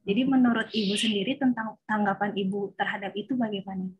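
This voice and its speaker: Hesitant breathy woman student. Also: medium pitch, fairly even intonation, quick pace, highs cut off. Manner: hesitant, many fillers. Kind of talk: asking a question in class.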